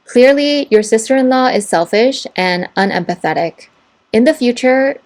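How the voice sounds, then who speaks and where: A woman narrating, reading online posts and their comments aloud in an even, measured way. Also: medium pitch. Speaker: story narrator.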